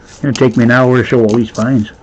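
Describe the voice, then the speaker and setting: A man with a Nova Scotian accent chatting casually and excitedly as he sorts coin rolls, chuckling often. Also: medium pitch, fast talker, dull audio, a little hiss or hum. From Nova Scotia, Canada. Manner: excitable, chuckling, breathless at finds. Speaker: coin roll hunter. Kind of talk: casual chat while sorting coins.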